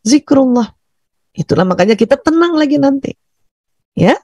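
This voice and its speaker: A man from Bugis Makassar speaks to a room of teachers and parents in a thick, loud, gravelly voice. He talks with animated energy and guides them through slow breathing. The sound is dry and close. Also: very high voice, dry recording. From Bugis Makassar, Indonesia. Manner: animated, laughs often, leads breathing exercises. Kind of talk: seminar talk to teachers and parents.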